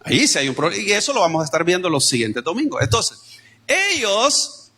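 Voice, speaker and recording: High-pitched, lively Salvadoran-sounding preacher man. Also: fairly quick, slightly rough. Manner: conversational preaching, addressing the congregation directly. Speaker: pastor. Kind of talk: sermon. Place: church.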